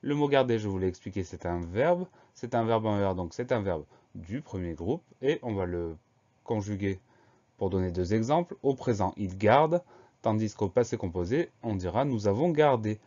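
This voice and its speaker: Low, mellow man spelling words slowly. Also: animated, lo-fi sound. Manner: slow, spells words letter by letter. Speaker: teacher. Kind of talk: spelling lesson.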